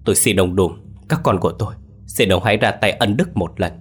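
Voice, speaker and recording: Man playing a desperate mother, begging, deep voice, husky. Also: expressive, brisk. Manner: pleading.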